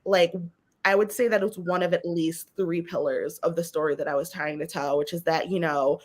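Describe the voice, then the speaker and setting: A woman author talking casually at a virtual book event, passionate and expressive, laughing often, heard over a video call. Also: lowish voice, moderate pace. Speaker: featured author.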